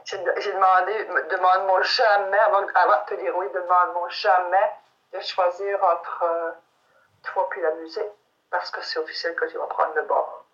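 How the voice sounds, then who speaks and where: A woman's voice: on the low side, fairly even intonation, normal speed, fairly bright tone, lo-fi sound. A middle-aged woman singer from the Magdalen Islands with an Acadian French accent, talking candidly and rambling with many restarts in a casual radio interview. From Magdalen Islands, Quebec. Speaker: singer, guest.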